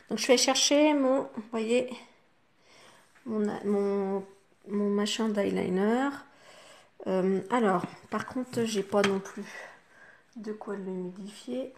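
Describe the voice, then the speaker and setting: Une femme francophone au ton bavard, qui explique pas à pas son maquillage aux spectatrices avec beaucoup de « hop » et « voilà ». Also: female voice, mid-range voice, slow pace, long pauses, a little hiss or hum. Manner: chatty, talks the viewer through each step with fillers like "hop" and "voilà". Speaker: makeup vlogger. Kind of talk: casual makeup tutorial.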